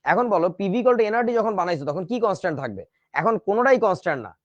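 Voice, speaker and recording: A man's voice: high voice, lively intonation, rapid-fire, no room sound, dull audio. A man teaching a chemistry class in a casual, joking way, with speech. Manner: chatty, joking asides to students. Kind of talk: casual online class lecture.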